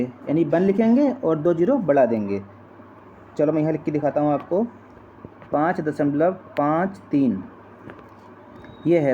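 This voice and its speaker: A man's voice: on the high side, dark tone. A man teaching a slide-based maths lesson, patient and repetitive, often addressing viewers as friends. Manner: patient, repeats steps and keeps addressing friends. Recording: dull lo-fi sound with faint noise.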